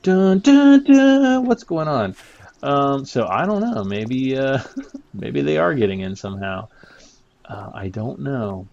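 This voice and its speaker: A man's voice: medium pitch, expressive, unhurried, vocal fry, highs cut off, slight background noise. A man giving casual, rambling commentary over his gameplay, chuckling often between thoughts. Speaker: gaming YouTuber.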